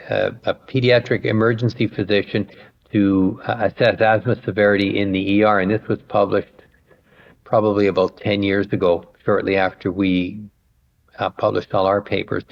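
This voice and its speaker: A man's voice: on the low side, steady tone, moderate pace, gravelly, highs cut off. An older man, a retired doctor, answering interview questions in a patient, explanatory way and thinking aloud as he goes. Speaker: guest, retired pediatric pulmonologist.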